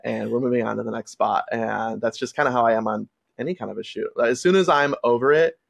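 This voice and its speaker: A man's voice: mid-range voice, fast, creaky. A man who works as a wedding photographer, chatting casually and rambling with lots of fillers as he hosts a conversation.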